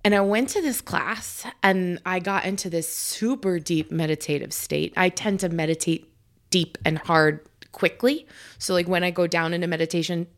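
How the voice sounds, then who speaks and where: A woman with a somewhat low-pitched voice hosts a relaxed conversation from her home kitchen. She rambles warmly through her stories, circling back with fillers and restarts as she goes. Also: moderate pace. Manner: chatty storyteller with many fillers and restarts. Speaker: podcast host. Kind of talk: casual chat.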